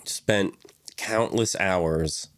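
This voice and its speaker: Young man, podcast co-host, deep voice, dry close sound, rambling, laughing. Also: extremely slow, no echo. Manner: rambling, animated, laughs often. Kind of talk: casual chat.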